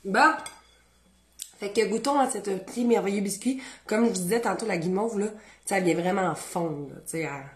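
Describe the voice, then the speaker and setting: A woman's voice: medium pitch, normal speed. Chatty Beauce-accented woman in an echoey kitchen. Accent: Beauce Quebec French. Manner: chatty, animated, talks to viewers while tasting. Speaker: cooking show host. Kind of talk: casual cooking demonstration.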